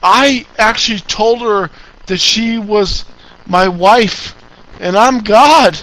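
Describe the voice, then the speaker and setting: A man calling into a voice chat room, speaking in a slow, rambling, grandiose way. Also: high-pitched, fairly bright tone, rough recording.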